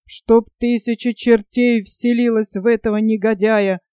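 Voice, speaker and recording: A reader voicing a bold, gruff monk who curses and shouts orders during a storm. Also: mid-range voice, little pitch movement, measured pace, no room sound, clean studio sound, close to an everyday voice. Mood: angry. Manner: shouting, cursing, commanding.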